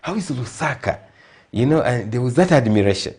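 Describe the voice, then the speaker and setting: A guest consultant in a TV interview, this middle-aged man has a Zambian accent and a mid-range voice with a breathy edge, speaking fairly quickly. He sounds earnest and becomes more emphatic and animated.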